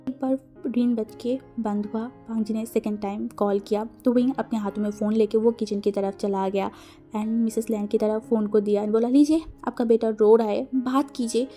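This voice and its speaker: Mellow woman telling a story casually. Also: medium pitch, little pitch movement, normal speed, faint music behind. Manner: chatty, mixes in English words. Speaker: fan fiction narrator.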